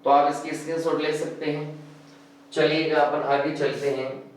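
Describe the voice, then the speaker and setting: A man teaching Hindi grammar for exam coaching, dictating words slowly and drawn out. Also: a little high, level tone. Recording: echoey room, distant mic.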